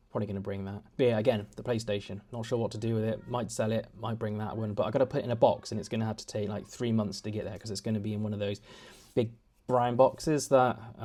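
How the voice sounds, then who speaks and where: A young British vlogger, his voice low-leaning and dark, chats casually from inside his home. He tends to ramble, makes jokes at his own expense, and frequently restarts what he's saying.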